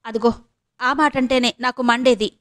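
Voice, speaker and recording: A woman reading an audio novel, voicing a young wife who is anguished and quick to anger, in a higher, emotional voice. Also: fairly even intonation, a bit bright, lightly acted. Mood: heated. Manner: emotional, raised dialogue voice.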